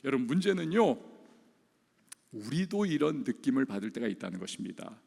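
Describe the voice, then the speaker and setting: In the big-room acoustics of a church sanctuary, a South Korean pastor delivers a sermon at a fairly quick pace, his mid-range voice gravelly and husky. He tells stories with animation and voices the characters himself.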